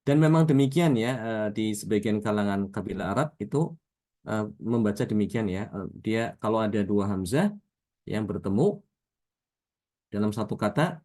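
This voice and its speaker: A man's voice: lowish voice, animated, a little mellow. Patient Indonesian recitation teacher, a man. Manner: patient, repeats examples slowly with many "ya" checks. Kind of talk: recitation lesson with spoken examples.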